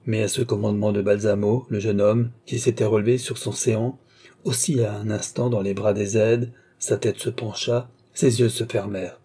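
A man narrating an audiobook novel in a measured, even storytelling manner. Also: fairly low pitch, slightly rough. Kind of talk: scripted narration.

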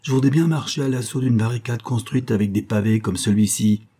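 Man doing a greedy male convict lockpicker, loud, feverish, husky, storybook audiobook. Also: medium pitch, fairly quick, natural voice. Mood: frenzied.

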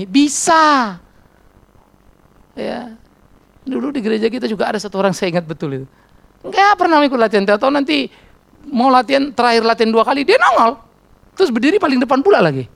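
Middle-aged male pastor, Indonesian accent, gravelly, blunt and teasing from the pulpit. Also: very high-pitched, fairly bright tone. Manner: blunt, teasing, acts out dialogues. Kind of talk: sermon.

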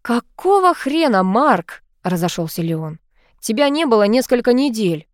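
A woman's voice: medium pitch, expressive, moderate pace, a little mellow, dry recording, studio quality, natural voice. A woman voicing a hot-tempered male king who scolds and swears. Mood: angry.

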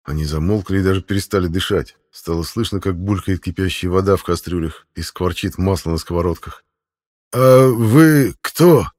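A man reading an audiobook in a measured, even narration. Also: low voice. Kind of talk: scripted narration.

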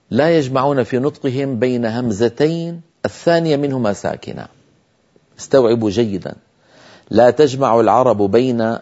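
A middle-aged man gives a recitation lesson in a mellow, warm voice. He exhorts his listeners earnestly and stretches vowels out to show how they sound. The audio is dull and lo-fi, like an old broadcast. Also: mid-range voice. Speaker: Quran recitation teacher. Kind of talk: tajweed lesson lecture.

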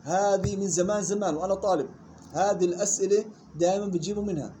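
A man teaching Quran recitation rules to students in a room. He reads the rule text slowly and then explains it in quick colloquial talk. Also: high-pitched, fairly even intonation, warm tone, slight background noise. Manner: drills syllables slowly and questions students. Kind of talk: classroom lesson explaining a text.

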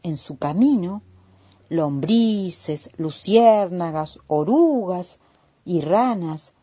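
Argentine woman storyteller, husky, lively pitch, slow radio read. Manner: gentle, unhurried, expressive reading.

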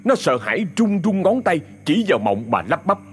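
Expressive male ghost story narrator. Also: on the high side, a little fast, husky, soft background music.

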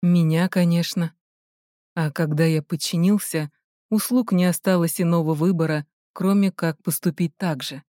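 Woman reading young noble guy, war hero, quiet and low, dry close sound. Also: steady tone, normal speed, no echo, close to an everyday voice. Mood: calm. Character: devoted young male aristocrat, war hero.

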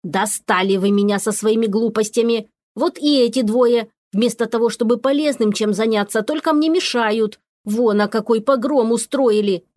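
A woman's voice: on the high side, moderate pace, hardly any pauses, darkish tone, dry recording, natural voice. A woman voicing a grumpy male house spirit who scolds and grumbles, in a storybook reading. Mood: grumbling.

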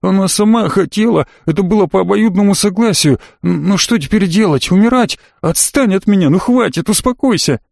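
A jittery, whining young man, played by a male reader, his voice pushed up high and trembling as he makes excuses. The tone is fretful and defensive, and the recording is close and dry. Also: normal speed, darkish tone, no room sound, close to an everyday voice.

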